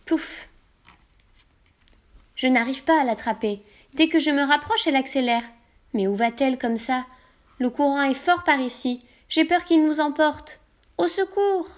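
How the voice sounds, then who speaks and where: A woman reading a children's storybook in the first person, animated and acting out every emotion. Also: high-pitched, measured pace, pauses often. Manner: animated, acts out emotions as a girl.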